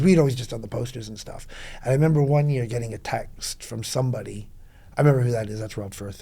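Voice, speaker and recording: A middle-aged man rambling through club memories in a casual podcast chat, full of quick asides. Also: medium pitch, mellow. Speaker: club veteran guest.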